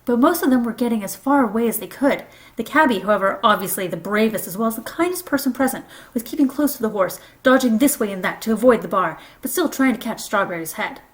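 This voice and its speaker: Expressive woman reading aloud. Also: fairly high pitch, fast, low-quality recording. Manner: expressive, does voices for characters. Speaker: storybook reader.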